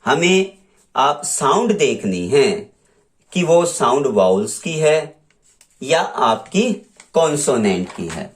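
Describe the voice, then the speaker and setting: A man teaching English grammar, who slowly repeats examples and sounds out each letter. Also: fairly high pitch, sing-song. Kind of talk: classroom lesson explaining articles.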